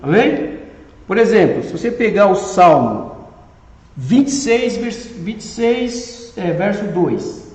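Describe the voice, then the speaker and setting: A man with a Brazilian Portuguese accent teaches a church Bible class, pausing after each point to ask the congregation "Amém?". His voice sits high and swings widely in pitch. The recording picks up the long reverb of a large church hall. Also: animated, darkish tone.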